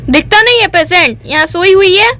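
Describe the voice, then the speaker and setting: A woman's voice: extremely high pitch, lively intonation, fairly quick, bright, forceful tone, slight background noise, heavily acted. A woman voicing a small clingy girl doll in a homemade doll story, pleading in a whiny child voice. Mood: sassy.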